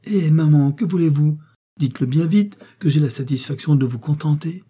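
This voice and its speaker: A man's voice: a little high, a little slow, warm tone, breathy edge, voice pushed up. A man reading an audiobook, voicing a strong-willed young farm wife who speaks firmly and commands her household. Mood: eager. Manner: firm, commanding.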